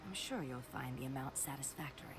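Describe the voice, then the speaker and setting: An actress playing a scheming female alien diplomat who speaks smoothly and condescendingly. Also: a bass voice, quick pace, a little hiss or hum. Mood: calculating.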